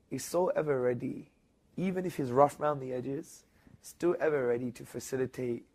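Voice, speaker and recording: A man being interviewed, telling a story in a lively conversational way. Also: gravelly. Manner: animated, rising high when retelling others' words. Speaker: interview guest.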